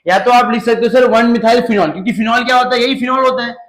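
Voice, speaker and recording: In an echoey room, a male chemistry teacher with a high voice delivers a lively, quick-paced lecture. He poses questions to his class, answers them himself, and cracks jokes along the way.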